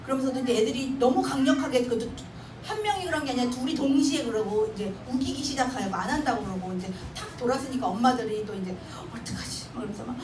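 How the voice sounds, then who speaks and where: A high-voiced, middle-aged woman lectures to a church class and acts out stories of mothers and children with lively energy. Her voice carries from a distance through an echoey hall with noticeable background noise. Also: quick pace. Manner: animated storytelling, acting out child and mother dialogue, frequent laughter. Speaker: Bible memorization instructor.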